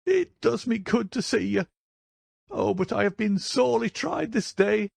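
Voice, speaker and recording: Man voicing a high-pitched, fretful old housekeeper woman. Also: moderate pace, vocal fry, dry recording. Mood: tearful gratitude. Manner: emotional, pleading, gushing. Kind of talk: audiobook character voice.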